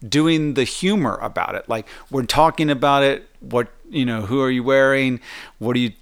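A man co-hosting a casual comedic chat, hedging and restarting as he pushes back with skepticism. His voice sits at an ordinary middle pitch. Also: normal speed, vocal fry, smooth. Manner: hesitant, restarts often, skeptical. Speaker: podcast co-host.

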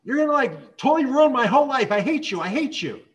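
A man's voice: very high-pitched, big pitch swings, fast talker, pitched above the performer's own voice. A man voicing a fourteen-year-old girl who is insistent and whiny and shrieks when she is angry. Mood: furious.

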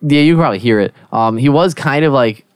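Smooth-voiced easygoing game master. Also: male voice, mid-range voice, fast talker, no room sound, clean studio sound. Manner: relaxed, easygoing, frequent "cool" and "um". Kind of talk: narrating a tabletop game.

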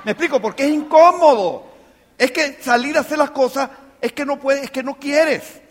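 A man's voice: extremely high pitch, normal speed, some chatter behind. A man giving an emphatic motivational talk to a business audience, firing off rhetorical questions. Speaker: business mentor speaking to a team. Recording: long reverb of a live hall.

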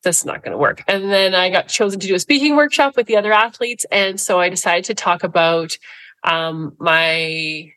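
A woman in her forties from Canada, a guest speaker telling personal stories in a candid interview, earnest and animated, laughing through hard moments. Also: lowish voice, moderate pace, poor audio.

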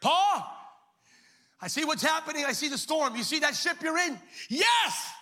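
A male pastor preaching a sermon, shouting in a sing-song call-and-response style. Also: extremely high pitch, normal speed.

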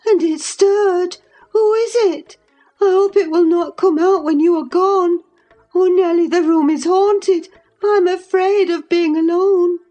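A woman's voice: sits high, takes it slowly, warm tone, soft background music, pitched above the performer's own voice. Woman voicing a delirious, frightened young woman. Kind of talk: audiobook character reading.

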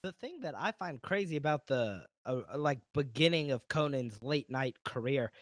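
A man's voice: mid-range voice, expressive, normal speed, dry recording, clean studio sound. A man hosting a podcast, asking questions in an easy conversational way. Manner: conversational, asks follow-up questions. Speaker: podcast host. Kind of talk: casual interview chat.

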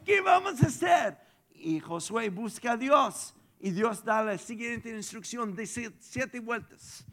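A tired, throat-strained man preaching a lively storytelling sermon as pastor, jumping from shouts to hushed asides. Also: sits high, vocal fry.

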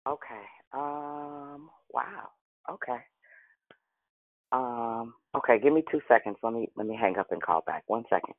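A man's voice: mid-range voice, sing-song, a little slow, vocal fry, no room sound. A man leading a prayer call in fervent praise, his voice muffled as if heard through a wall over a phone line.

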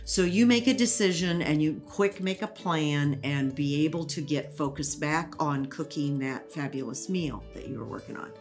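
Low-voiced woman explaining like a teacher. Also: moderate pace, hardly any pauses, soft background music. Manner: explanatory, teacherly, laughs easily. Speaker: educator guest. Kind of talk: conversational interview.

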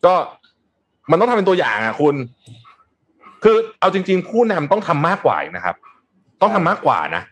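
A man hosting a casual news talk show, chatting with co-hosts in an animated, sarcastic way with many restarts. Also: a little high, a little fast, long pauses. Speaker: host.

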